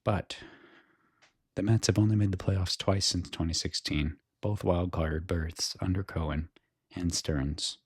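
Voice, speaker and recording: A man with an American accent giving soft-spoken, breathy ASMR sports commentary in a casual, musing way. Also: sits low, fairly even intonation, a little slow, no room sound, clean studio sound. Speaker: host giving a baseball season preview.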